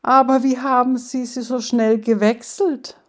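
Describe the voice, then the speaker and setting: A woman's voice: fairly high pitch, little pitch movement, a little slow, voice pushed up, natural voice. A woman reading as Molly, a sniffling widow. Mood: tearful. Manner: sobbing, sniffling. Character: grieving widow, sniffling yet vain.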